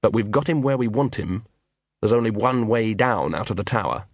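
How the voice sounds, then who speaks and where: A man's voice: lowish voice, expressive, moderate pace, no echo. A man voicing a wry, battered city watch captain in an audiobook, speaking in a dry, sardonic way.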